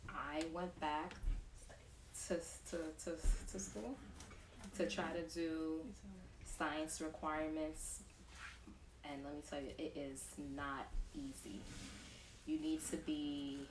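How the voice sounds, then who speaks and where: Chatty young nurse lady, low voice, kinda far from the mic in an echoey room. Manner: chatty, animated when acting out patients. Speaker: nurse and show host. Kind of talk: casual chat answering questions. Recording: echoey room, distant mic, faint noise.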